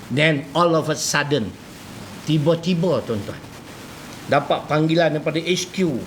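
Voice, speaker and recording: A man with a Malaysian Malay accent giving a lively, humorous religious lecture to an audience. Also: fairly high pitch, a little slow, roomy sound, slight background noise, low-quality recording. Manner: animated, jokey, switches between loud and soft. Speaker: preacher.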